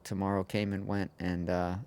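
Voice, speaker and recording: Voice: low-pitched, level tone, normal speed, a little mellow, clear, resonant tone, no room sound. A streamer chatting casually on a livestream, rambling and laughing often with the viewers.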